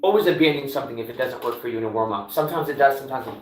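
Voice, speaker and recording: A man as a vocal coach, talking himself through a live warm-up and explaining each step as he goes. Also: mid-range voice, rapid-fire, a little hiss or hum. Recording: roomy, distant mic with loud piano. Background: piano playing.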